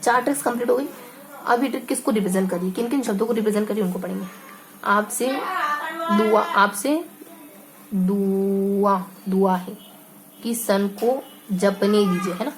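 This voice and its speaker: A woman teaching an exam-prep lesson, slowly repeating and stretching words as she explains memory tricks. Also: mid-range voice, noisy background.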